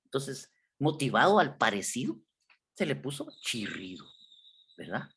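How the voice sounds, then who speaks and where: A man's voice: mid-range voice, very animated, a little slow, a bit bright, breathy edge. A man giving a classroom lecture, explaining with examples and often checking in with his students. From Guatemala. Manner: explains with examples, checks in with repeated tag questions. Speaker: university lecturer.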